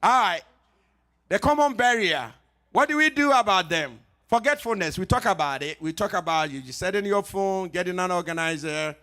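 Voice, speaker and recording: High-voiced Ghanaian-accented man, lively presenter. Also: moderate pace. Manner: lively, joking asides, repeats key phrases. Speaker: pharmacist giving a health talk. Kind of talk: informal church health presentation.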